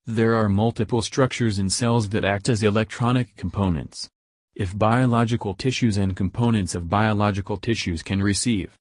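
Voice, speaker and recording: A man narrating a script in a disguised, pitch-lowered deep voice, reading steadily and in measured lists. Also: no room sound, clean studio sound.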